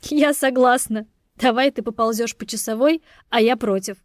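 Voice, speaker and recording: A woman voicing a playful, lively young woman who frets easily. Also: on the high side, no room sound, clean studio sound, lightly acted. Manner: lively, playful, quick to worry.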